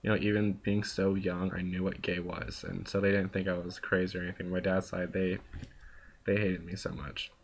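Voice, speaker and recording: A young man speaks straight to his viewers in an unscripted confessional vlog. His voice sits a little low and has a gravelly, fry-laden edge. He rambles through his thoughts with constant fillers, earnest and at times bluntly profane. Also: level tone, moderate pace, slight background noise. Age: young adult. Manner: rambling, full of "like" and "you know". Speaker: vlogger. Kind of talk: casual confessional monologue.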